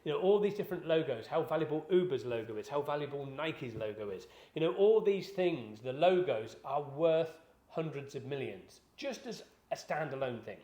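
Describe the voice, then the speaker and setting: A man's voice: fairly high pitch, lively intonation, moderate pace, dark tone, echoey room. A man hosting a business talk show, explaining ideas in casual chat and rambling with many fillers and restarts. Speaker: business podcast host.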